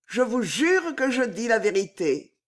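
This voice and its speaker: Narrator voicing young wife, firm and controlled, slow and measured, a bit higher. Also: sing-song. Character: young bride hiding despair, resolute. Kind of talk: audiobook character reading.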